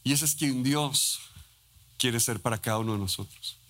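A Costa Rican pastor preaching a sermon in a fervent way, often restarting and adding tag questions. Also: male voice, mid-range voice, moderate pace, fairly bright tone. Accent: Costa Rican Spanish. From Costa Rica.

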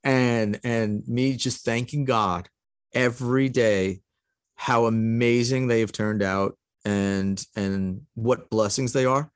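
A man's voice: mid-range voice, fairly even intonation, takes it slowly, no room sound, studio quality. Earnest, emotional man telling a story. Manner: emotional, earnest, laughs often. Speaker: podcast guest. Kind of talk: heartfelt storytelling.

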